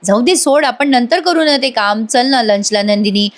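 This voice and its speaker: A wheedling, playful young husband, talking in a raised, bright register, as a woman puts him on. He coaxes and teases, drawing out his pleas in a soap-opera retelling. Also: fairly high pitch, lively intonation, normal speed, natural voice. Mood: pleading. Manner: coaxing, wheedling.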